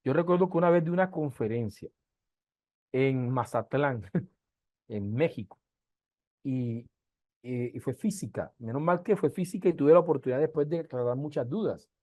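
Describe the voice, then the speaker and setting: A middle-aged man from Colombia with a softened Caribbean-coast accent, lecturing an online class over a video call and often checking in with "¿sí?". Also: medium pitch, expressive, no echo, studio quality. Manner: explanatory, asks "¿sí?" often, with slow emphatic stretches. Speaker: university lecturer.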